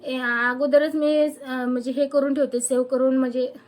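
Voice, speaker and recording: A woman's voice: sits high, little pitch movement, normal speed. A young woman ranting angrily to camera, firing off indignant rhetorical questions. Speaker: vlogger. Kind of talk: angry personal rant to camera.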